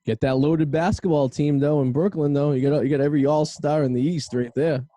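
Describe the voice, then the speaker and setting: A man's voice: on the high side, fairly even intonation, fairly quick, dark tone, dry recording. A man hosting a show, bantering and interviewing a guest in a casual, conversational style. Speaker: podcast host.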